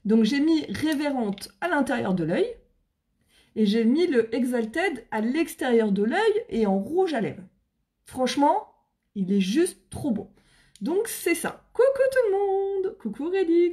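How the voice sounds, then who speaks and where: This woman's voice is high-pitched and mellow, with big pitch swings and a measured pace. She's an independent makeup seller with a French accent, bubbly on a live sales stream as she presents makeup, using casual slang and naming viewers as she greets them.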